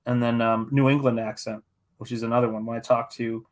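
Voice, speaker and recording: This middle-aged American painter chats casually during his live stream in a flat, medium-pitched voice. He speaks a little fast. His rambling talk is jokey and self-deprecating.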